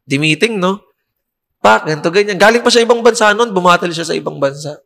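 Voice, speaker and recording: A man telling a story on a podcast, animated and laughing, acting out the people in it with curses. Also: high-pitched, fairly quick, vocal fry, big-room sound. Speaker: podcast guest. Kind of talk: casual storytelling chat.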